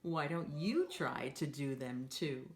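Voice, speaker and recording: A woman with a very deep, slow, creaky voice reads aloud at a storytime for young children. She's playful and encouraging, animatedly asking listeners to join in and acting out sound effects.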